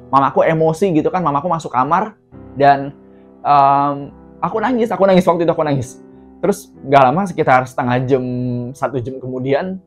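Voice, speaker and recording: A young man earnestly telling a personal story to his viewers, often speaking to them directly. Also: mid-range voice. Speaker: vlogger.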